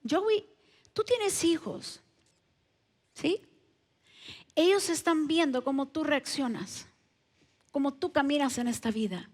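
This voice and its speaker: A woman's voice: high voice, lively intonation, slow, pauses often. A woman pastor preaching in a church, emphatic and asking the congregation many direct questions. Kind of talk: sermon. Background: soft keyboard music.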